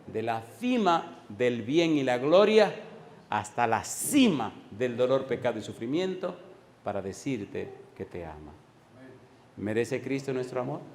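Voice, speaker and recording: A male pastor preaching a sermon, rising to loud, high bursts and slowing down for emphasis. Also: roomy sound, a little hiss or hum. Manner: preaching with sudden loud rises and slow emphatic drops.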